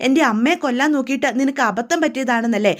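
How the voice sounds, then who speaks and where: A woman's voice: sits high, very fast, natural voice. A woman voicing a hurt young woman who bitterly confronts the man who betrayed her. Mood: bitter, accusing. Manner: bitter, accusing.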